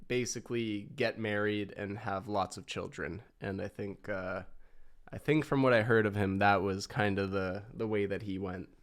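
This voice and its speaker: A man's voice: on the low side, fairly even intonation, moderate pace. A young man hosting a podcast, chatting casually and laughing often. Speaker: podcast host. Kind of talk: casual chat.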